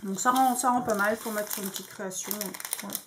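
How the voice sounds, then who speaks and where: A woman's voice: mid-range voice, fairly even intonation, fast, noisy background. A woman vlogging in French, casually showing crafting dies with lots of hesitant fillers. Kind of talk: casual show-and-tell.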